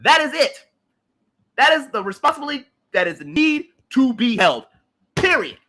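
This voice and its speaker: Very high-voiced and sharp, with big swings in pitch, a man in his late 30s hosts a livestream at a moderate pace. His political rant is heated, emphatic, and repetitive, full of blunt swearing.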